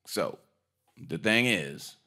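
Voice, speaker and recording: A man casually retelling a film's plot as a review co-host, acting out the characters' lines and swearing freely. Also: extremely slow. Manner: animated, acts out characters' lines with big pitch jumps.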